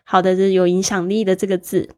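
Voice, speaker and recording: A woman's voice: medium pitch, flat delivery, fast. A native Mandarin-speaking woman gives a casual English vocabulary lesson. She spells words out letter by letter and points out where the stress falls. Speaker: English teacher.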